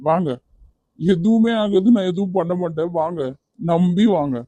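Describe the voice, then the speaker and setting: A performer voicing a kind, persistent young man in a cartoon, firm yet gentle as he coaxes someone to come along. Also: mid-range voice, normal speed, dry recording, highs cut off, natural voice. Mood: gentle coaxing. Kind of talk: cartoon voice acting.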